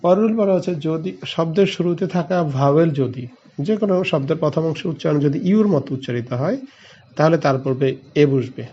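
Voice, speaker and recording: A man's voice: on the high side, fast, dark tone, muffled recording. A male teacher from Bangladesh explaining a grammar lesson step by step, spelling out letters and answering his own questions.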